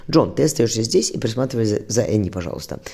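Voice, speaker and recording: A man reading as a calm, brave mother. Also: fairly low pitch, fast talker, creaky, husky, full character voice. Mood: tender. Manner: calm, caring, firm. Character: brave, practical woman, ship's surgeon and mother.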